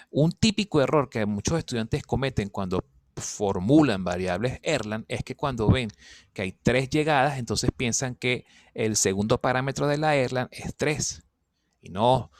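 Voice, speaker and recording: A male teacher explains a worked statistics problem step by step in a patient, steady way, often pausing to ask whether students are following. His voice is gravelly. The recording is dry and close. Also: mid-range voice, no echo. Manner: patient, checks understanding with "¿ok?" and "fíjense".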